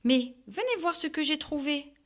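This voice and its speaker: A woman reading a children's storybook, voicing an upbeat, sporty young man in a high, friendly voice. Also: animated, moderate pace, fairly bright tone.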